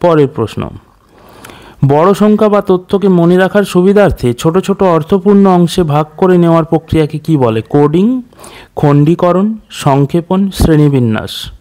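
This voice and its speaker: A man's voice: high voice, animated, normal speed, dark tone. A man leading an exam quiz lesson, reading questions and options, then explaining the answers, with English terms mixed in. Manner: mixes in English terms, clears throat now and then. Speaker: exam prep teacher.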